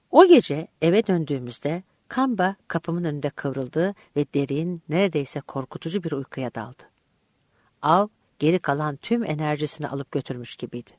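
Expressive first-person audiobook reading, dry close sound, lots of pitch movement. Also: no echo. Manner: expressive, vivid storytelling. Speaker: audiobook narrator. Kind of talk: scripted first-person narration.

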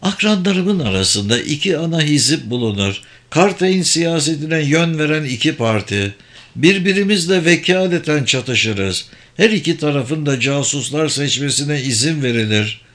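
Speaking at a moderate pace, a man with a slightly high, somewhat bright and animated voice plays a haughty, persuasive sorcerer running hidden political schemes for an audiobook. He explains things with confidence, in a formal, insistent manner.

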